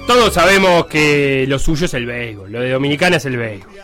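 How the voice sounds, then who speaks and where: A man's voice: mid-range voice, brisk, faint music behind. A man with a Rioplatense Spanish accent, co-hosting a comedic sports talk show in a playful, jokey way. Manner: playful, jokey, animated storytelling. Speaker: co-host.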